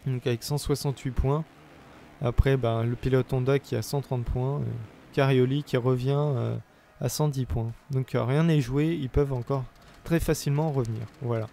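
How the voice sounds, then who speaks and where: This let's play features a young man with a sore throat whose mid-range voice is steady, warm and creaky at normal speed, against slight background noise. His casual game commentary is chatty and hesitant, punctuated by playful cheering.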